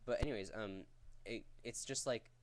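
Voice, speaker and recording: A man's voice: lowish voice, normal speed, a little hiss or hum. A man giving a casual, rambling vocal technique tutorial in a crude, jokey, profane way. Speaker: vocal tutorial host teaching screaming technique.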